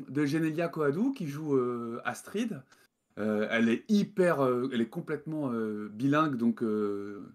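A man's voice: mid-range voice, a little mellow. A man from France, a game developer guest, talking casually in an interview over a video call, hesitant with many fillers and restarts.

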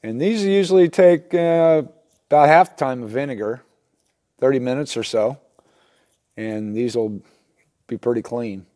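A middle-aged man, teaching in a how-to repair video, chats through the job step by step while working at an indoor bench in a small wooden workshop. His mid-range, mellow voice moves at a measured pace with frequent pauses, keeping the hands-on talk casual, folksy and plain.

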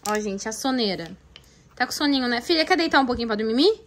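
In this family vlog, a young mom speaks quickly in a fairly high voice, lively and chatty as she addresses viewers. She records her family at home on a phone camera, and there's a little hiss or hum.

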